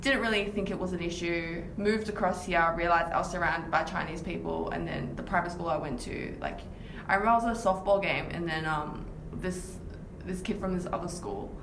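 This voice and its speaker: A young Australian woman answering interview questions in a relaxed, reflective way, with many fillers and restarts. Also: on the low side, a little fast, few pauses. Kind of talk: casual interview. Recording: echoey room with clear noise.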